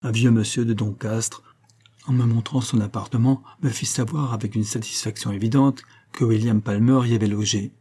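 A man reading a classic novel aloud in a steady, measured narration. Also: fairly low pitch, husky. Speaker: audiobook reader.

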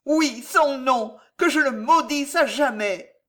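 A woman's voice: high-pitched, slow, a bit bright, pitched above the performer's own voice. A reader doing a fervent, pleading noble mother. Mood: insistent. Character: noble mother, fervent and grief-stricken woman.

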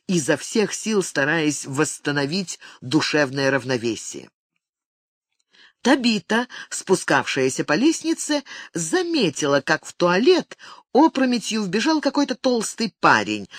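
An audiobook narrator reading a novel aloud, with expressive, animated delivery. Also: mid-range voice, no echo, clean studio sound. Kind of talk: scripted narration.

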